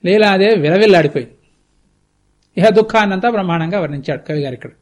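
High-pitched male spiritual teacher, storytelling discourse, chatty and explanatory with rhetorical asides. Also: fast talker. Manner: conversational, explanatory, with lively asides. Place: TV studio.

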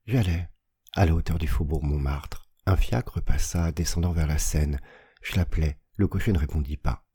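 Guy reading a story aloud, super deep dark voice, theatrical, builds up loud. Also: husky. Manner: measured, theatrical, swelling to loud outbursts. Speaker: audiobook narrator. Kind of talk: dramatic literary reading.

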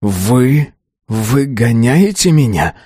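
A man voicing a desperate young male disciple who cries out in a high, broken voice. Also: big pitch swings, slow pace, mellow, slightly rough, no room sound, clean studio sound, full character voice.

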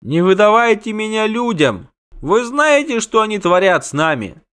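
A man's voice: on the high side, animated, unhurried, voice pushed up. A man reading the part of a pitiful, sly male shapeshifter creature who whines and pleads. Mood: whining. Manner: whining, pleading.

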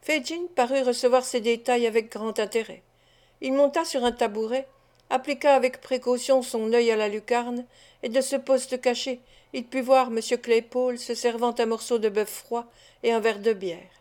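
An audiobook narrator reads a classic novel aloud in a clear, somewhat high voice. Her scripted storytelling is measured and even.

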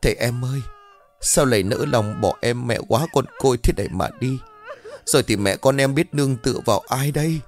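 A man's voice: mid-range voice, fairly quick, natural voice. A man voicing a grieving middle-aged village wife who cries and pleads as she mourns. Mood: sobbing grief. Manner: wailing, pleading. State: crying.

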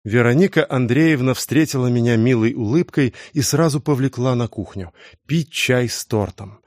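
A man reading a novel aloud in a measured, even storytelling manner. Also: medium pitch, no echo, clean studio sound. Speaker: audiobook reader. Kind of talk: scripted narration of a novel.

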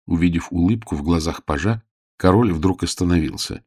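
A man narrating a fairy-tale audiobook in a lively, expressive storytelling manner. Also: deep voice, brisk, husky, no echo, studio quality.

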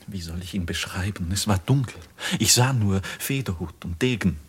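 In a theatrical 1950s radio play style, an actor portrays a bitter, despairing young craftsman accused of murder, swinging between hushed tones and fervent outbursts. His voice sits low and slightly rough, moving at a moderate pace with a weary mood.

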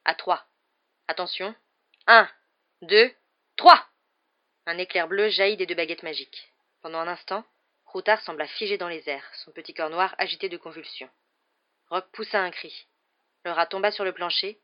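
A woman narrating an audiobook in an even, measured reading, in a dull, muffled recording. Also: fairly low pitch. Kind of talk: scripted narration.

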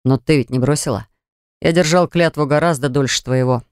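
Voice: medium pitch, fairly quick, a little mellow, no room sound, studio quality, lightly acted. A woman reader voicing a young husband who speaks curtly and sternly, in an audiobook story. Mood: cold, stern. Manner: curt, stern. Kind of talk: audiobook character voice.

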